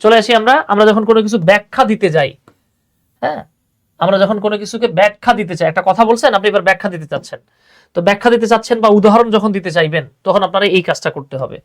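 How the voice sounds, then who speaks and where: A man's voice: high voice, rapid-fire. A man with a Bangladeshi accent teaching an English exam-prep lesson, who explains patiently and repeats key phrases for his students.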